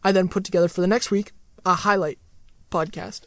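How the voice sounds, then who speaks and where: A man's voice: high voice, fairly even intonation, fairly quick, a bit bright, dry recording. A man co-hosting a podcast, chatting casually and joking, often repeating himself. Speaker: podcast co-host.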